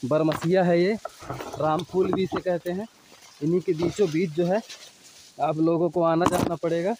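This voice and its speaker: Over a noisy background, a man in his thirties speaks at normal speed with fairly even intonation and a voice that sits high. He's a travel vlogger hiking a village and forest trail, chatting with viewers into a phone he holds at arm's length.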